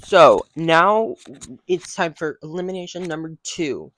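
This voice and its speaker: A man's voice: on the high side, lively intonation, measured pace, a bit bright, faint music behind. Sarcastic man reacting to a show. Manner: sarcastic and exasperated, swears. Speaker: reaction vlogger. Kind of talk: casual reaction commentary.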